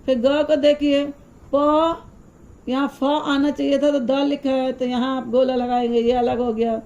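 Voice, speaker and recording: A woman teaching a primary school lesson, explaining slowly and answering her own questions as she goes. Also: sits high, level tone, a little mellow, dull audio. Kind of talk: recorded classroom lesson.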